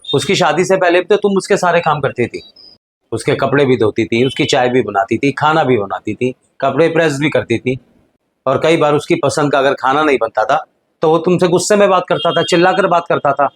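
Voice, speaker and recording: A middle-aged man acting as an elder brother and husband in a family drama, speaking in a calm, reasoning way that sometimes sinks quiet. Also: on the high side, a little fast, natural voice.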